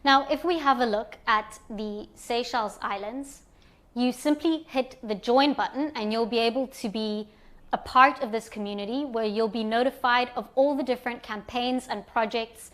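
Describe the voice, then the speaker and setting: A woman from Zimbabwe guiding viewers through an online platform in a calm, step-by-step screen walkthrough. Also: a little high, moderate pace. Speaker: platform presenter.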